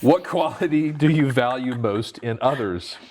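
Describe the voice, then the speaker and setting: A man hosting an interview, firing off quick lightning-round questions in a playful, teasing way. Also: mid-range voice, darkish tone, a little hiss or hum. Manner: playful, teasing, laughs often. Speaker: interview host.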